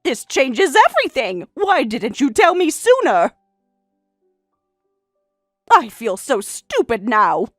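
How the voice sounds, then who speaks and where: A woman's voice: sits high, sing-song, slow pace, long pauses, dry recording, clean studio sound, faint music behind, exaggerated voice. A woman playing a snobbish, judgmental sister-in-law in a family drama, incredulous and blustering, easily flustered into repeating herself. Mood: regretful, pleading. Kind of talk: acted dialogue in a narrated family drama.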